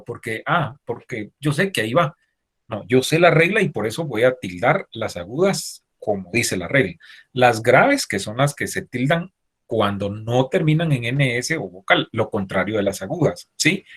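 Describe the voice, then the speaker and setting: A man's voice: mid-range voice, fairly bright tone, breathy edge. A man teaching an online class, explaining step by step and checking in with his students after nearly every phrase. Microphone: video call.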